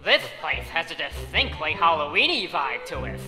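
A man voicing a vain, greedy, excitable cartoon duck, theatrical and wisecracking, with a slushy lisp. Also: a little high, normal speed, over music. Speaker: amateur voice actor in a fan dub. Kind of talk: exaggerated cartoon voice acting.

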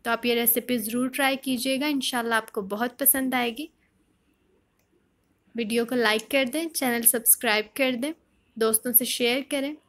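A woman hosting a home cooking channel, calmly explaining a recipe step by step in a voice-over. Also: fairly high pitch, moderate pace. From Pakistan. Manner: calm step-by-step instruction.

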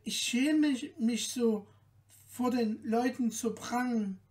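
A shy young girl speaks softly and pleads in a high, hushed voice, as a male storyteller puts her on. Her words come slowly and timidly, and she sounds a little away from the microphone. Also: recorded from a distance. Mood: bashful. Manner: soft, pleading, bashful.

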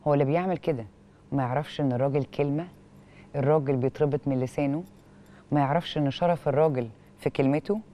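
A woman with an Egyptian accent hosts a TV show, reading a letter and commenting on it in an expressive, questioning manner via a studio lapel mic. Her voice is deep.

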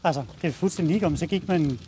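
Danish male dog trainer, high-pitched, blunt and casual, outdoor walk-and-talk demo, faint background noise. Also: warm tone. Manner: blunt, casual, addresses viewers while walking the dog.

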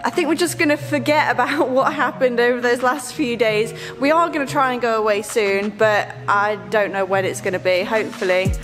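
A young woman talks chattily to a camera she holds at arm's length in a garage workshop. Her voice sits a little high, and background music plays clearly behind her. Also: steady tone, a little fast, hardly any pauses. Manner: chatty, upbeat, self-filmed to camera. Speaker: car vlogger. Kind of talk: casual vlog narration. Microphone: handheld camera at arm's length.

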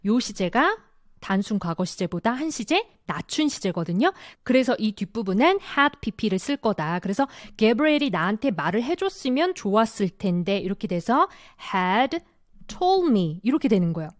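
A woman teaching an online English lesson who explains patiently, step by step. She slows right down to say the model sentences. Her voice sits at a middle pitch and sounds dry and close. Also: lively intonation, no room sound. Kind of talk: online grammar and pronunciation lesson.

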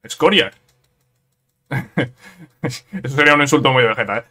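A gameplay commentator with a mid-range voice gives casual let's-play commentary on a fighting game. He's excitable, repeating words in quick bursts and finishing phrases with "eh?".

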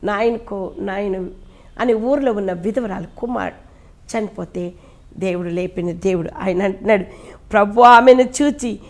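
A woman pastor with a Telugu accent, preaching a sermon fervently, swinging between loud rises and hushed drops. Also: mid-range voice, steady tone, moderate pace. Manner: repeats pleading prayer lines ending in "ayya".

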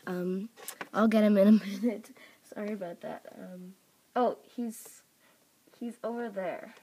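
A warm, husky, mid-range voice, a little slow with fairly even intonation. She's a channel host at home presenting toy characters on a table for voice auditions, speaking off-camera into a phone or camera mic in a casual, rambling way, full of "like" and "um," correcting herself along the way.

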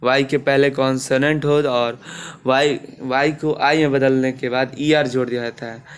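A man with a smooth, resonant voice teaches a grammar lesson. He explains each rule step by step, pausing with fillers and restarting his phrases. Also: medium pitch, level tone.

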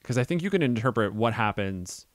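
A man's voice: mid-range voice, lively intonation, brisk, no room sound. A young man co-hosting a casual podcast about a film adaptation, thinking aloud with many ums and restarts. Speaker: podcast co-host.

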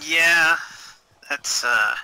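A man's voice: on the high side, extremely slow, bright, forceful tone, smooth, no room sound, poor audio. A man chatting casually with friends about a game, laughing and stumbling over his words. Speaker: gaming friend. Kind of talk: casual gaming chat.

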